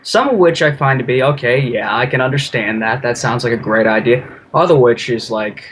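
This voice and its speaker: Over noisy background ambience, a YouTuber appearing as a podcast guest chats briskly. His medium-pitched voice has a fairly bright tone, and he rambles along in an effusive, informal manner.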